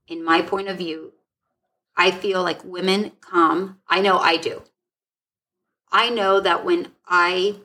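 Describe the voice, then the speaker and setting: On a relaxed podcast she co-hosts, a woman with a slightly low, somewhat bright voice talks freely, laughs a lot, and begins sentences again while working out her thoughts.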